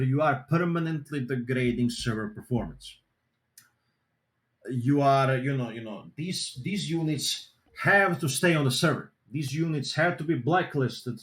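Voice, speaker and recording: A man's voice: on the high side, a bit bright, reverberant. A man presenting a seminar over group voice chat, explaining in a loose way with many fillers. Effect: group voice chat audio.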